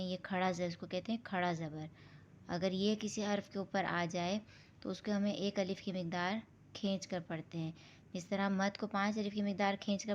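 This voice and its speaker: A woman's voice: mid-range voice, slight background noise. A woman teaching a Quran recitation lesson. She explains each reading rule step by step, patiently and plainly. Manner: patient, explains each rule, then reads the letters slowly and drawn out. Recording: dull lo-fi recording.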